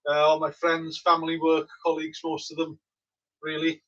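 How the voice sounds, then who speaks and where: In a relaxed live-stream chat from his home brewery, a Welsh-accented man, native in Welsh and from Wales, talks with viewers about his homebrew brewday and answers their questions. His pitch is fairly high at a moderate pace, and the audio is dull.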